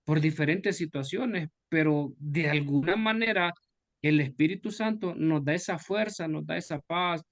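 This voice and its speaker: A man's voice: a little high, normal speed, a bit bright, no echo. A man, a pastor, leading a Bible study discussion in a conversational way and asking the group questions.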